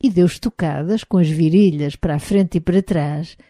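A mellow European Portuguese woman, an audiobook narrator, delivers scripted narration in a fairly low pitch at normal speed. The recording is clean studio sound with no room sound.

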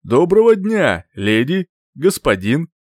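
A man reading an audiobook, voicing a brisk, courteous older sea captain who reports in a formal way. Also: on the high side, big pitch swings, no room sound, clean studio sound, full character voice.

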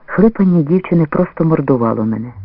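A man reading a story aloud as a measured, expressive first-person narrator. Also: fairly high pitch, no room sound. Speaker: audiobook reader. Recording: dry, narrow phone-like lo-fi sound.

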